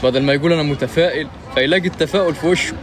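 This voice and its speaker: A man's voice: a little high, rapid-fire. A man joking and teasing during a casual family live stream. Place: outdoors in a garden with people and traffic around. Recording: outdoor recording with crowd chatter.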